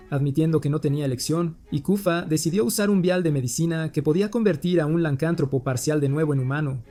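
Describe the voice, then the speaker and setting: A man narrating a story recap in a scripted, steady storytelling manner. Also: fairly high pitch. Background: faint music.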